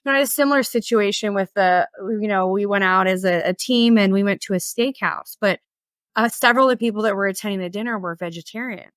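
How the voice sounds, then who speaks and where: A woman's voice: medium pitch, fast talker, a bit bright, dry recording. A woman hosting an interview podcast, speaking thoughtfully, often restarting her sentences as she sums up points. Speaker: podcast host. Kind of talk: conversational interview.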